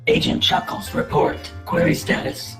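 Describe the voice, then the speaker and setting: A man's voice: moderate pace, a bit bright. A man voicing a malfunctioning male robot agent that speaks in clipped status reports, its voice glitching like a machine. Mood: flat reporting. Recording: echoey game audio over music.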